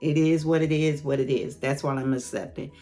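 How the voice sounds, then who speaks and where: A woman's voice: deep voice, steady tone, a little fast, warm tone, soft background music. A woman in her late fifties chatting candidly and laughing often as she answers viewer questions in a casual vlog. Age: late 50s. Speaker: YouTube host.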